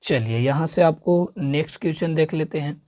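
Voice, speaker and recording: A man's voice: fairly high pitch, moderate pace, warm tone, no room sound. Man teaching exam drills, dry. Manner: quizzes the listener with repeated questions and drills the answers. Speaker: coaching teacher. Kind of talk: exam-prep classroom lecture.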